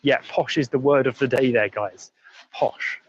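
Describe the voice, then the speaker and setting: An English teacher from England walks through busy outdoor streets on a live stream, reading viewer comments aloud as he teaches. His husky, mid-pitched voice stays friendly with fairly even intonation while he slowly explains words. The walking-tour lesson sounds a little muffled and lo-fi.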